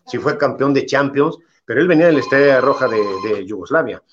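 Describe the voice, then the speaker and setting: A man, a former goalkeeper, telling anecdotes in an interview with lively asides. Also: mid-range voice, fairly quick, lo-fi sound. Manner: animated anecdotes, quotes the coach in character. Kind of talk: casual interview storytelling.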